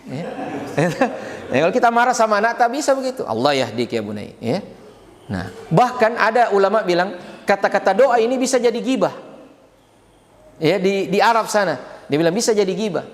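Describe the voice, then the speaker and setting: A man giving a mosque sermon, talking in an animated way and tagging his sentences with quick asides to the listeners. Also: high-pitched. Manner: animated, frequent tag questions. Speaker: preacher. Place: mosque hall. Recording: reverberant mosque hall, faint ambience.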